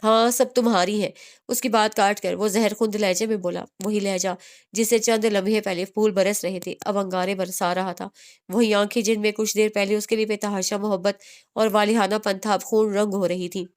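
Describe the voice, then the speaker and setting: A woman's voice: medium pitch, flat delivery, normal speed, darkish tone, clean tone. A woman narrating a romance novel as an audiobook, reading steadily with small restarts.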